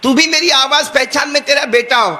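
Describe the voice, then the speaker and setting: A man's voice: very high voice, bright, forceful tone, voice pushed up, full character voice. A man voicing a young boy who longs for his mother and pleads through tears. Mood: pleading. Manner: pleading, tearful.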